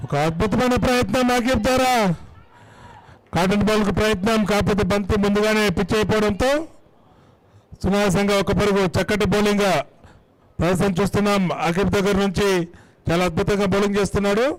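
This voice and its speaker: వేగంగా మాట్లాడే తెలుగు యాస క్రికెట్ వ్యాఖ్యాత, పురుషుడు. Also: male voice, high voice, fairly even intonation, brisk, pauses often, poor audio. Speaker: cricket commentator. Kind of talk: live ball-by-ball cricket commentary.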